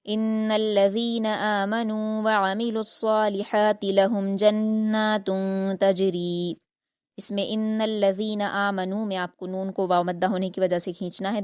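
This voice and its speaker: A woman teaching tajweed, switching between slow, drawn-out chanted recitation and brisk, rapid explanations. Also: medium pitch, a little mellow, smooth, no echo, clean studio sound.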